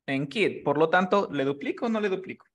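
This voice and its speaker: A man's voice: on the high side, animated, a little fast. A man teaching a class, explaining rules patiently and often checking that his student has understood. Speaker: English teacher.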